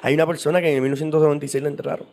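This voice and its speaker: Man, interview guest, rambling explanations, repeated words, slightly high pitch. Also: little pitch movement, rapid-fire, creaky, darkish tone. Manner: explains at length with frequent repeats and restarts. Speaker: guest on esoteric topics. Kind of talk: casual explanatory interview talk.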